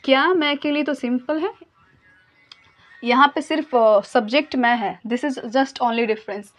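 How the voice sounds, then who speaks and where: A woman teaching English grammar in Hindi, patiently explaining and slowly repeating example sentences. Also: sits high.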